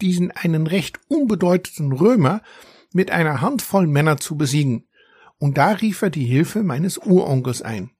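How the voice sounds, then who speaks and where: A proud young dragon, put on by a man reading a storybook, who grumbles and boasts in a raised, husky voice. He sounds indignant about everything he tells, and the recording is close and dry with no room sound. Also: a little high, a little mellow, no room sound.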